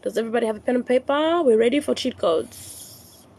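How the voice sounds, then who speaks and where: A South African woman hosting a phone live stream, explaining rituals slowly and repeating her instructions, slipping into Zulu phrases. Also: fairly high pitch, expressive, darkish tone. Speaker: spiritual live-stream host.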